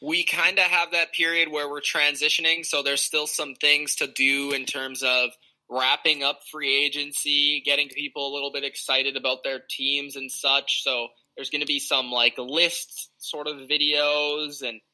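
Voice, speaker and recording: Male podcast guest, very bright sharp tone, easygoing and agreeable, casual chat. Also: a little high, little pitch movement, moderate pace, poor audio.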